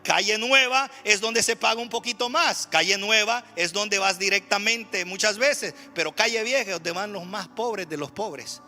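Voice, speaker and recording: A man from El Salvador with a Salvadoran Spanish accent, preaching a church sermon in an animated way, moving from loud exhortation to quiet storytelling with joking asides. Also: high voice, moderate pace, hardly any pauses, soft background music. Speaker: pastor. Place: church sanctuary.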